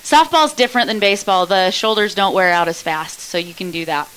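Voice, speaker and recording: A woman softball coach talking in a casual interview, upbeat and emphatic. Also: medium pitch, a little fast, a little hiss or hum, rough recording.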